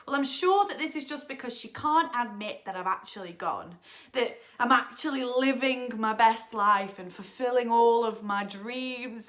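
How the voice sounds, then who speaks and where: A young English actress with a fairly high, fairly bright voice performs a theatrical monologue. She plays a chatty, self-absorbed young woman who has just left home, and her delivery swings dramatically.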